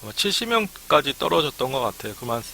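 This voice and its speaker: Bright-voiced man giving a live lecture. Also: medium pitch, sing-song, fast, vocal fry, a little hiss or hum. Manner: chatty, frequent "ne" fillers. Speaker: academy startup consultant.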